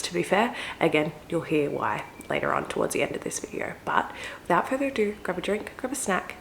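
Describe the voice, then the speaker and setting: A woman with an Australian accent speaks to her viewers in a very quiet, hushed voice, keeping it down for a sleeping house. Her pitch sits a little low, and there is faint noise in the home recording. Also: creaky. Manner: talking very quietly so as not to wake sleepers. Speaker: book vlogger and host. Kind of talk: hushed, intimate vlog talk.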